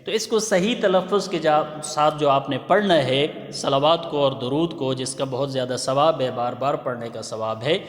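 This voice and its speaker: A man giving a religious pronunciation lesson, explaining patiently and chanting example phrases slowly. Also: mid-range voice. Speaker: religious teacher. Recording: echoey hall with long reverb.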